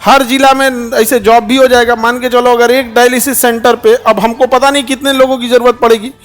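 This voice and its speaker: A middle-aged man speaks in Hindi with a strong Bihari accent, his voice sitting very high for a man. He addresses an audience informally, joking and throwing rhetorical questions at them. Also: little pitch movement, brisk, a bit bright, soft background music. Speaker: teacher and public speaker.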